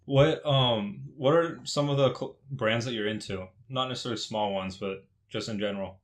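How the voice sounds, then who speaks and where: A man's voice: mid-range voice, moderate pace. A man hosting a casual interview, asking easygoing questions with short affirmations in between. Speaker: interview host.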